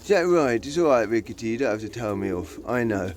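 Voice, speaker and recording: A man's voice: lowish voice, fast talker. A man keeping pigeons, chatting on a casual vlog and coaxing his birds in a raised, fond voice, with hesitant fillers. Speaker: pigeon keeper. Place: pigeon aviary. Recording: loud birds cooing behind. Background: pigeons cooing.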